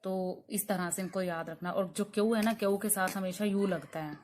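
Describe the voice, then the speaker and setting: A woman teaching English pronunciation, going step by step, asking her own questions and answering them, and drilling sounds slowly with frequent check-ins. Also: mid-range voice, steady tone, darkish tone, slight background noise. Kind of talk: classroom lesson.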